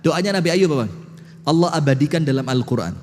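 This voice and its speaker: A man preaching a sermon to an audience in an animated style, throwing questions at his listeners. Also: a little high, fast, in a large hall.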